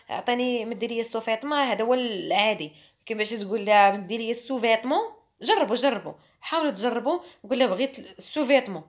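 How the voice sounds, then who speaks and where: A young woman with a Moroccan Arabic accent giving a chatty, emphatic French lesson to camera. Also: fairly high pitch. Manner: chatty and emphatic, mimics others mockingly. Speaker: French teacher.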